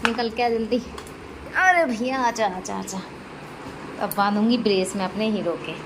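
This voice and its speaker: A woman's voice: mid-range voice, moderate pace. A woman chatting casually to viewers in a home vlog, explaining each step of her caregiving routine as she does it. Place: at home during heavy rain. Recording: rain noise in background.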